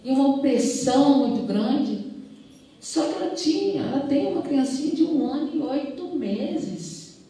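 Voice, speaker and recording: A woman's voice: sits high, animated, dark tone. A middle-aged woman with a Minas Gerais accent, a police chief speaking earnestly on a panel and often stopping to restart her sentences. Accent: Minas Gerais Portuguese. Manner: earnest, halting, with many restarts. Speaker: police chief at a women's police station. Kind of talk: panel talk, recounting a case. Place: event hall. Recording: very echoey hall, mic far off.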